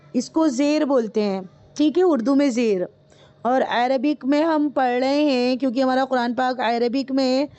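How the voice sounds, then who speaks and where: High-voiced woman teaching an online class. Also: darkish tone. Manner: patient, repeats points and quizzes students. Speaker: Quran reading teacher. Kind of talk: online live class teaching Arabic vowel marks.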